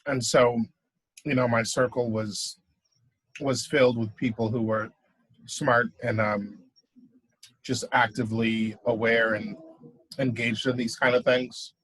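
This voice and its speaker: A man talking casually in an interview, relaxed and using many fillers. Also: mid-range voice, unhurried, long pauses, slightly rough, no room sound, rough recording. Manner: relaxed, filler-heavy speech. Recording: dry, close sound.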